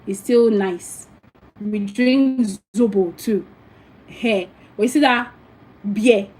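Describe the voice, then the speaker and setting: A woman's voice: medium pitch, slow pace, a little mellow, rough recording. A Nigerian woman giving frank, preachy spiritual advice in a casual livestream, with many asides to her viewers. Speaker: spiritual teacher.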